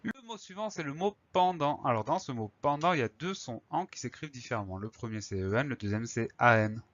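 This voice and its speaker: A man's voice: mid-range voice, animated, a little fast, no room sound, muffled recording. A man teaching a spelling lesson, patiently breaking words into syllables and spelling them letter by letter.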